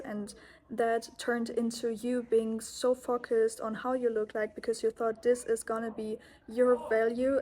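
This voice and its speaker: A woman's voice: on the high side, mellow. A woman in her twenties from Germany, a native German speaker with a German accent, giving an earnest, heartfelt personal monologue and often correcting herself mid-sentence. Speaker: yoga teacher and vlogger.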